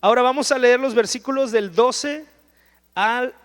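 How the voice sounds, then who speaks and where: High-voiced preacher in a reverberant hall. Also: male voice, moderate pace. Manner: conversational, earnest, with rhetorical "¿no?" asides. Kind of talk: verse-by-verse Bible study sermon.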